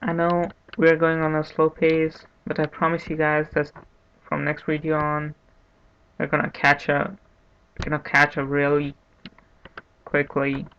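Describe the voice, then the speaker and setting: Male tutorial host, monotone and unhurried, slightly higher voice, dull lo-fi mic with faint hiss. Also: clear, resonant tone. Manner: monotone, unhurried, thinking aloud with restarts. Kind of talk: screen-recorded coding tutorial. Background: keyboard typing and clicks.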